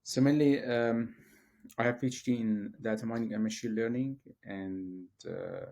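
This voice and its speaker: A man's voice: mid-range voice, steady tone, normal speed, a little mellow. A man from Syria, a professor, answering interview questions hesitantly with many fillers and restarts. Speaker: guest, professor.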